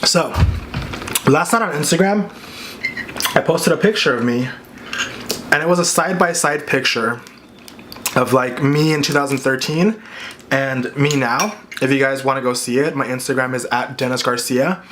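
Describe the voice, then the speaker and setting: A man's voice: medium pitch, normal speed, a bit bright. Man chatting candidly while chewing, noisy background. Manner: chewing and talking with his mouth full; candid, casual, peppered with "like". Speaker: vlogger hosting an eating video. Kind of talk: casual chatty mukbang vlog. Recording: clear background noise, dish clinks and clicks.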